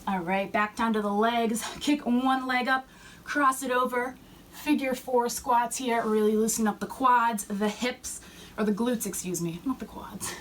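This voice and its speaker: A young woman fitness instructor cueing warm-up moves while she exercises, a little out of breath. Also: fairly high pitch, steady tone, unhurried. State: slightly out of breath. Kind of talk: workout instruction. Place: fitness center. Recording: distant mic with faint room noise.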